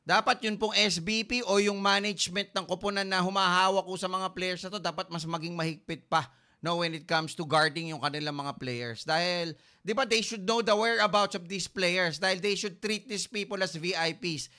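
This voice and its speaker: Male sports host, bright, high, chatty, leans on tag questions. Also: normal speed. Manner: repeats "correct", "tama", "di ba". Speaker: sports talk show host. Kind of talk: casual chat.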